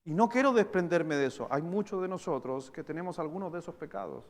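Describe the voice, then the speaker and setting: A high-pitched man with a Chilean Spanish accent preaches in a church hall. His voice rings with a long reverb. He shifts from loud, emphatic bursts to slow, hushed stresses. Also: lively intonation, vocal fry. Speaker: pastor. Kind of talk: sermon.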